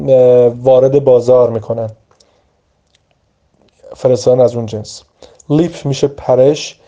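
Mellow-voiced man teaching vocabulary. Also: medium pitch, dull audio. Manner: slow, deliberate word-by-word pronunciation drills. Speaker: English teacher. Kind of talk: vocabulary lesson.

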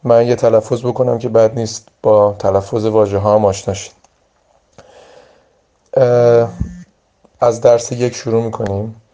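Hoarse male teacher running a vocab lesson, dark smooth voice, flat delivery, dull lo-fi audio. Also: fairly low pitch, pauses often. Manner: reads each English word then gives its meaning. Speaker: English teacher.

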